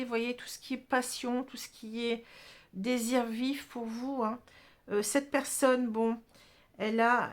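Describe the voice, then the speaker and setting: Gentle hesitant woman reading cards. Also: on the high side. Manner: hesitant, many fillers and tag "hein"; gentle, reassuring. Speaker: astrology tarot reader. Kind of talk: unscripted card reading to viewers.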